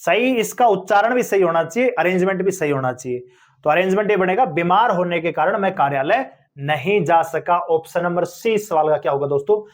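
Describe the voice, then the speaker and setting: A man's voice: sits high, expressive, brisk. A man teaching a grammar lesson for exam preparation, walking through each question step by step, asking rhetorical questions and addressing viewers as friends.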